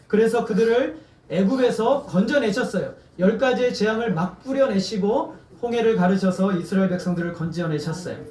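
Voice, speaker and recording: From far off in an echoey church sanctuary, a man with a high, animated voice preaches a sermon at a brisk pace. As pastor, he asks the congregation questions, gets them to answer back, and has them repeat words.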